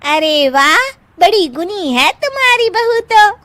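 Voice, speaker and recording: A group of gushing, gossipy middle-aged aunties, voiced by one woman in a cartoon story. They talk high and animated, in a close, dry sound. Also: slow, no room sound, exaggerated voice. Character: chatty middle-aged kitty-party women friends.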